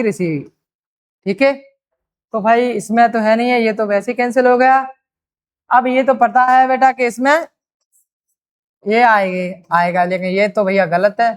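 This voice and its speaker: Hindi woman teacher drilling spelling. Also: on the high side. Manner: drawn-out repeated words, addresses students as beta. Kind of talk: exam-prep grammar lesson.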